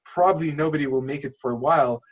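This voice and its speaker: A fast-talking man with a slightly high voice, heard on low-quality audio, coaches over a casual screen-share video call. Originally from Lithuania and not a native English speaker, this channel coach rambles passionately and keeps restarting his sentences.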